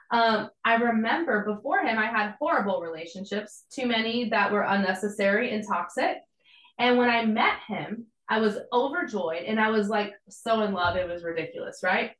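A woman of medium pitch and fairly bright tone offers an earnest devotional teaching in a conversational way, adding casual asides. She hosts a podcast and plants churches, and the recording has an echoey room sound.

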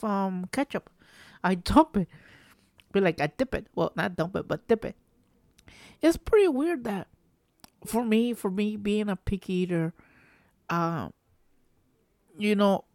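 A woman's voice: medium pitch, dry recording. Rambling young woman podcaster, dry sound. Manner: rambling, with frequent restarts and filler words. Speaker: podcast host. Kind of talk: casual storytelling monologue.

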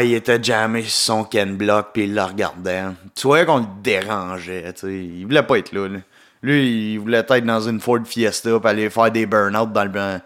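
A man's voice: on the low side, a bit bright. A young man with a Québécois French accent, hosting his own solo podcast in a rambling, joking way with plenty of filler and English words mixed in. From Quebec. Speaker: podcast host and comedian. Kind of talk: casual solo podcast monologue.

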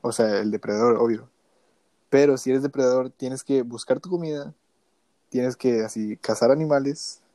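Mellow young Mexican man, easygoing. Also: mid-range voice, normal speed, dry recording. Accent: Mexican Spanish. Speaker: podcast co-host. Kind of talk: casual podcast banter.

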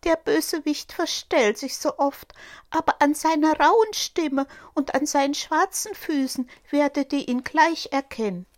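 A woman's voice: high voice, measured pace, no room sound, clean studio sound, pitched above the performer's own voice. A woman voicing a loving old mother goat who warns her children. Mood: caring warning. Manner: raised, warning motherly tone.

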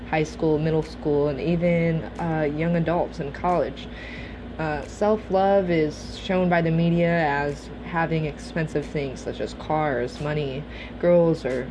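This is a personal monologue podcast hosted by a Russian-origin woman in her twenties whose voice is deep. She reflects on her life in an earnest, steady way, with background noise audible.

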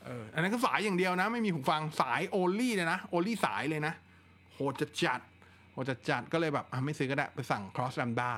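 A man hosting a casual live tech chat, relaxed and talkative, answering viewer questions with plenty of fillers. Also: a little high. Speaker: tech livestream host.

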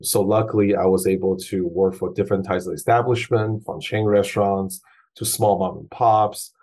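Man in his forties, husky and raspy, casual interview guest, halting with restarts. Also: low-pitched, steady tone, darkish tone. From Taiwan. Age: 40s. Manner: hesitant, many fillers and restarts. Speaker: guest chef.

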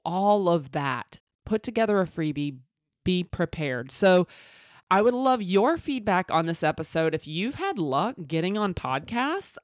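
A woman's voice: fairly low pitch, no echo, studio quality. A woman with an accent from the American South hosting a podcast, giving informal, direct advice straight to the listener. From Mississippi, southern United States. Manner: informal and direct, coaching the listener with rhetorical check-ins. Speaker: podcast host.

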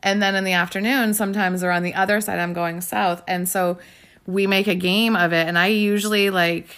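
Giggly, gravelly-voiced woman podcast host. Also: mid-range voice, steady tone, fairly quick, a bit bright. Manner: bubbly, giggly, rambling storyteller. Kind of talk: casual chat.

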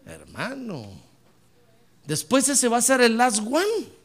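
A male preacher delivering a fervent sermon, bursting into shouted praise and mixing in humorous asides. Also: very high voice, wildly swooping pitch, slow pace, background noise.

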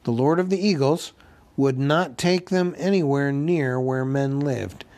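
Slow, deliberate male storyteller. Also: mid-range voice. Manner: slow, deliberate, gently expressive reading. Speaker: audiobook narrator. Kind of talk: storybook read-aloud narration.

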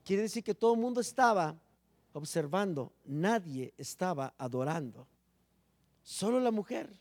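A man preaching with a high voice. His delivery swings dramatically, with loud emphatic phrases and then low, hushed words. The pitch leaps around a lot from line to line. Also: lively intonation, a little slow. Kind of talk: sermon.

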